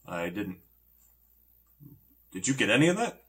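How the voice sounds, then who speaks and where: A man's voice: on the low side, big pitch swings, a little slow, sharp tone. A man in his forties co-hosting a casual show, playful and joking from a game room. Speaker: co-host. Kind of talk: casual banter and explainer narration.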